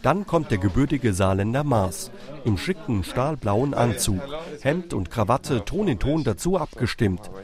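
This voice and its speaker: A male reporter reading a scripted news report voice-over in an even, measured way. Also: medium pitch, a crowd in the background.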